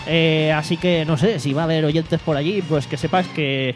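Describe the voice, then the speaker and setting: Over background music, a man with a slightly high voice and fairly even intonation hosts a casual podcast from a studio away from home. At a moderate pace, he reads through the news and poll segments playfully, cracking jokes.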